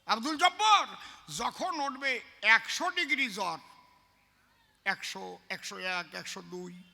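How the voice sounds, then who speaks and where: Man playing a village doctor, patient, slow measured instructions, gravelly bright tone, long reverb. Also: very high voice, animated, exaggerated voice. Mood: instructive.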